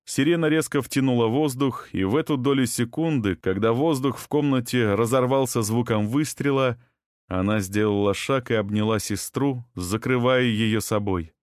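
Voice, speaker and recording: A man reading a dramatic audiobook with a tense, expressive delivery. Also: mid-range voice, moderate pace, no room sound, clean studio sound. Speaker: audiobook narrator.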